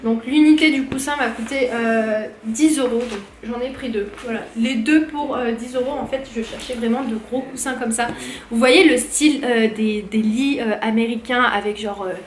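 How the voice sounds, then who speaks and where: A woman's voice: a little high, fairly even intonation, normal speed, roomy sound. A young woman from France chatting casually in a haul vlog, with many fillers and restarts. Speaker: vlogger.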